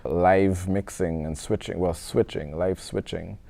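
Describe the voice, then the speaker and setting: A man's voice: deep voice, steady tone, measured pace, vocal fry, warm tone, no room sound. A young man from Guyana, a film student speaking earnestly and reflectively in a documentary interview. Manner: earnest, reflective, casual with many "like" fillers.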